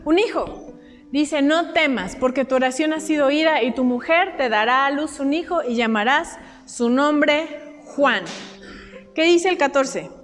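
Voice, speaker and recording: A woman's voice: sits high, a little slow. A young woman teaching a Bible study in a church, asking her listeners questions as she goes. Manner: animated, asks the group questions. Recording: hall reverb with faint music.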